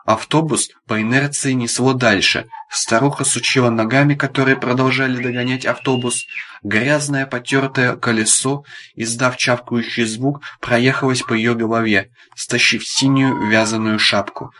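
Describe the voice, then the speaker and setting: Male audiobook narrator, medium pitch, darkly ironic read. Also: steady tone, normal speed. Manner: dark ironic storytelling. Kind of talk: scripted narration.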